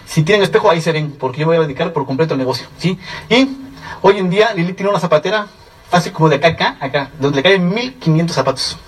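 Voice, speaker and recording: A middle-aged man from Mexico with a Mexican Spanish accent gives an animated testimonial talk to a seminar audience, telling stories at a rapid clip and checking in with his listeners. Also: a little high, husky, recorded from a distance, rough recording. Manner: rapid, animated storytelling with frequent "¿sí?" check-ins. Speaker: seminar speaker.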